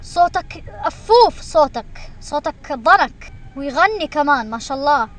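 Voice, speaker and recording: High-pitched excitable gamer woman. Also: moderate pace. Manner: excitable, shrieking when chased. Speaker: gaming streamer. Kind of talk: excited gameplay commentary.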